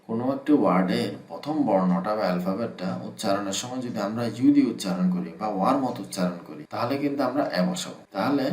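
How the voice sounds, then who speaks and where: A man's voice: on the low side, darkish tone. A man teaching English grammar, patiently repeating each rule step by step with examples. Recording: echoey room.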